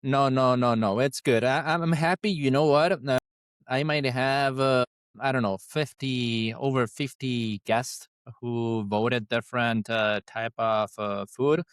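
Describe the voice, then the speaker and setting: A man with an Argentine Spanish accent, a Spanish speaker hosting a podcast interview, talking in a halting way with many restarts. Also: mid-range voice, fairly even intonation, clean tone, no echo. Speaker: podcast host. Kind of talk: casual interview chat.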